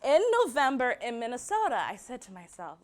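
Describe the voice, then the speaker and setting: A young adult woman from Barbados with a Barbadian accent, giving a prepared personal talk and slowing down to stress key words. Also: fairly high pitch, very animated.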